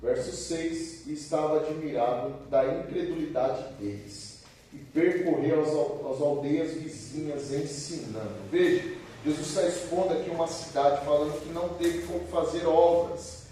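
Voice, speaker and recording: A man's voice: moderate pace, slight background noise. A man preaching at a church service, reading scripture aloud and explaining it, acting out the quoted speech. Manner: animated, acts out quoted speech with sudden pitch jumps. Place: church hall. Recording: very echoey church hall, voice far from the mic.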